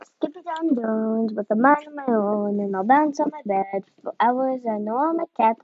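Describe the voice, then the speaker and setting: A woman's voice: on the high side, moderate pace, phone-quality sound, close to an everyday voice. A woman voicing a boastful young kitten who thinks he is a dog, in a playful sing-song manner.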